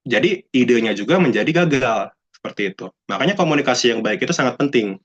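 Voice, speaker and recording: A man's voice: medium pitch, expressive, fast. A young man giving a chatty talk to students, mixing in English phrases and acting out quoted people. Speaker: alumnus speaker. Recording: dull lo-fi sound.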